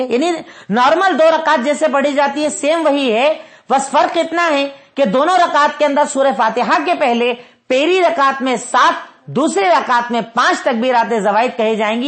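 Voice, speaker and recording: A man teaching a religious lesson, methodically repeating points and references slowly so listeners can take notes, and asking them questions. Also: extremely high pitch, fairly bright tone. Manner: asks the listeners quiz questions.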